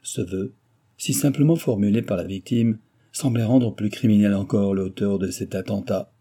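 A man narrating a classic novel in a steady, measured reading. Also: fairly low pitch, breathy edge. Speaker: audiobook narrator. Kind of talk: scripted narration.

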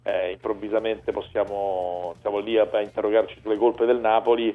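A man's voice: lowish voice, flat delivery, fairly quick, phone-quality sound, faint music behind. A man co-hosting a sports radio show, arguing his point about football in a conversational way. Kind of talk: fast argumentative football discussion.

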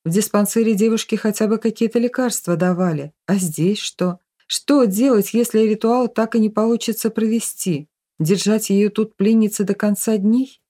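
A woman narrates a novel in steady, scripted storytelling. Her voice is warm and mellow, with a medium pitch. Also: normal speed. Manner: even storytelling. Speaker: audiobook narrator.

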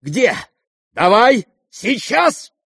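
A man voicing an irascible aristocratic older woman who scolds and shouts imperiously in an audiobook. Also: extremely high pitch, very animated, drawn-out words, creaky, husky, dry recording, studio quality, pitched above the performer's own voice, heavily acted. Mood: furious. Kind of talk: audiobook character voice.

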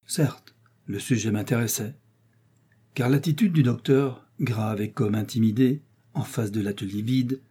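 A man reading a classic story aloud as an audiobook narrator, in a measured storytelling manner. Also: fairly low pitch, mellow, slightly rough. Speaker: audiobook reader. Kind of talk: scripted literary narration.

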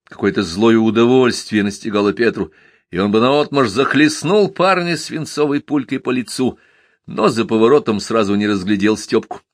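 A man narrating a historical novel as an audiobook in an even storytelling manner. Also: medium pitch, moderate pace, no echo, clean studio sound.

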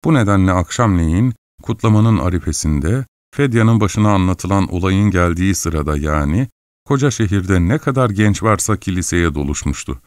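A male audiobook narrator reading a classic novel in a steady, measured way. His voice is very deep and low, and the recording is completely dry, with no trace of room sound. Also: no room sound. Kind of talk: scripted narration.

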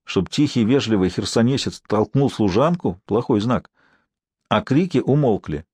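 A man's voice: lively intonation, normal speed, a little mellow, slightly rough, dry recording. A man narrating a historical novel as an audiobook, reading evenly and lifting his voice for the characters' outbursts. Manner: reads evenly, raises pitch and volume for characters' outbursts.

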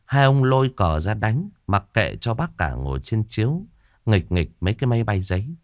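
A man narrating a ghost story in an expressive storytelling manner. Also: on the low side, normal speed, no room sound, studio quality.

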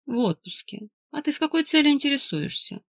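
A woman voicing a calm, sly man who quietly mocks his rival in an audiobook. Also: sits high, brisk, no echo, clean studio sound, pitched above the performer's own voice. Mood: teasing. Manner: mocking, quiet.

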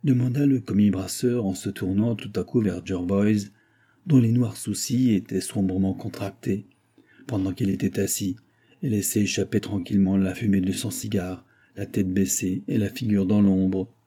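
A man narrating a classic novel as an audiobook in a measured, even reading voice. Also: fairly low pitch, slightly rough. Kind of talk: scripted narration.

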